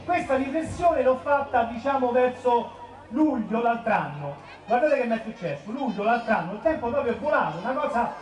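A man's voice: very high voice, expressive, brisk. A man in his forties with a Roman accent, doing rambling live stand-up cabaret on an outdoor piazza stage. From Rome. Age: 40s. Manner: chatty, rambling, filler-heavy. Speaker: cabaret comedian. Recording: echoey outdoor stage, far off, crowd.

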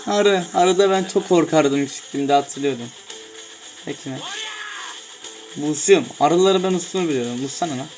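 A young man casually commenting on a fighting game as he plays, often shouting in surprise and swearing. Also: fairly high pitch, normal speed, pauses often, poor audio. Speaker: gameplay streamer. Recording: music clearly heard behind.

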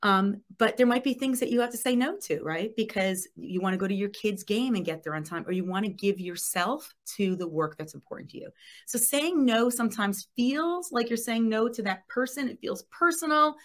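A middle-aged woman giving a lively webinar presentation, reading out chat comments. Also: fairly high pitch, moderate pace. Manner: lively, reads chat comments aloud with laughs.

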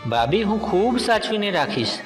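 A man's voice: high voice, very animated, normal speed, long reverb tail, faint music behind, voice pushed up. A man doing a meek, tearful young girl. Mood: meek pleading. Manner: pleading, meek.

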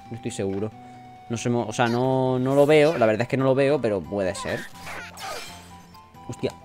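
Faint game music sits behind a young let's play gamer with a Spanish accent from Spain, whose voice is mid-range and darkish. He commentates loosely as he plays, swearing frequently and putting on joking voices to read the game's lines.

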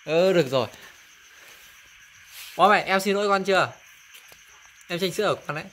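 A woman's voice: on the low side, moderate pace, fairly bright tone, slight background noise. A woman filming her young children at home, coaxing and urging them to share and apologize in a casual family video.

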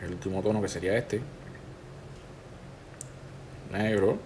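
A man, a tattoo artist calmly talking the viewer through a drawing tutorial step by step. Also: low-pitched, quick pace, background noise. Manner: relaxed, instructive, talks the viewer through each step. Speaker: tattoo artist teaching a digital stencil technique.

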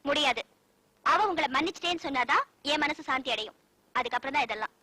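An actress playing a stubborn young bride who talks firmly and scolds. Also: female voice, sits high, expressive, quick pace, bright, forceful tone, dry recording. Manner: firm, scolding.

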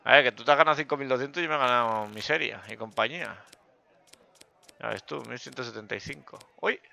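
Gravelly man commenting on poker. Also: mid-range voice, fast talker. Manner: joking, self-mocking, bursts of loud excitement. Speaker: gaming youtuber.

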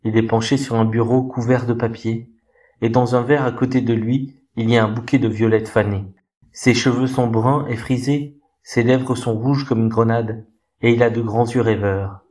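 Un homme faisant parler une statue de prince solennelle. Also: male voice, mid-range voice, steady tone, darkish tone, recorded from a distance, lightly acted. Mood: solemn. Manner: slow, solemn, commanding. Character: noble, compassionate golden prince statue, male.

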